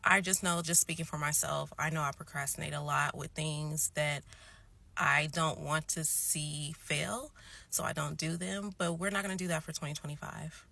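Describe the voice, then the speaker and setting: A woman with a gravelly, husky voice in a casual motivational chat, coaxing and checking in with listeners. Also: sits low, steady tone, normal speed, bright, forceful tone.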